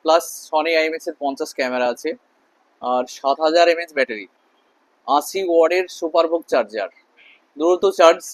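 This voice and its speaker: A man giving an emphatic, repetitive sales pitch as a shopkeeper in a promotional video. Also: fairly quick, no echo, rough recording. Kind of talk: sales pitch to camera with customer chat.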